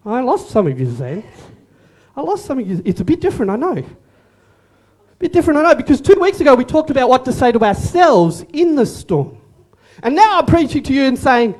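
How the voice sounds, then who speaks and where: Male pastor, unusually high pitch, lively sermon full of jokes and call-and-response. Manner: animated, joking, repeats words, calls on audience. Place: church service room.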